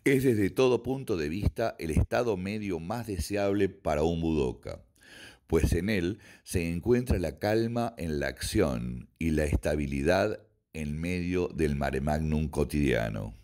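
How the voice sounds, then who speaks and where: Male karate instructor, low voice with a wide, lively melody, reads prepared notes deliberately. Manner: measured, deliberate reading with occasional slips and self-corrections. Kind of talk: reading a written text aloud.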